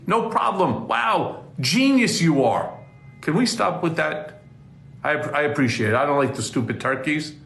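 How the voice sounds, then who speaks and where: A man's voice: fairly high pitch, animated, unhurried, creaky, fairly bright tone. A man ranting on a livestream in an exasperated, scolding way, telling off his chat. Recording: roomy echo.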